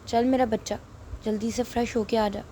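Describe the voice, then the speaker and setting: A domineering middle-aged aunt with a cutting, taunting tongue, as a woman reads her out. The voice sits high and moves in a narrow, even band. Faint noise hums underneath. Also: lightly acted. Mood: doting.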